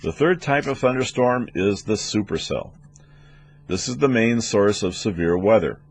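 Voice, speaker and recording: A man with a low, slightly rough voice narrates training material as a weather instructor for air traffic controllers. Reading from a script at a moderate pace, he stays animated while explaining methodically.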